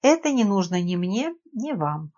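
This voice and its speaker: A woman voicing a calm, ironic middle-aged male spy chief who speaks in an unruffled, dryly persuasive way, in an audiobook. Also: medium pitch, normal speed. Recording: dull lo-fi audiobook recording.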